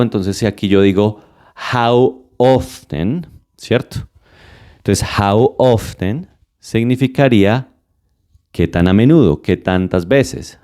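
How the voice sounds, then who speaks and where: A man teaching an English lesson step by step, energetic and emphatic, with lively swings in his voice. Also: on the low side. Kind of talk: classroom-style lesson.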